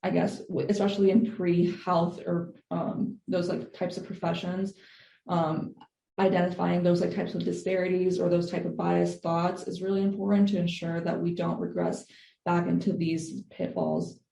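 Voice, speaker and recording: A woman's voice: fairly low pitch, level tone, moderate pace, gravelly, dark tone. A young woman from Thailand answering podcast interview questions thoughtfully, with many fillers and hedges. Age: young adult. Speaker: guest. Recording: echoey room with faint noise.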